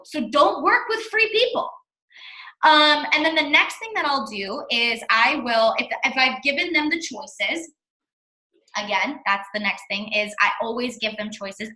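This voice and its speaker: A woman with a bright, slightly high voice gives a casual coaching talk, blunt and emphatic, repeating words to drive a point home. She sounds like a fitness coach training her sales team. The room around her rings with echo. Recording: echoey room.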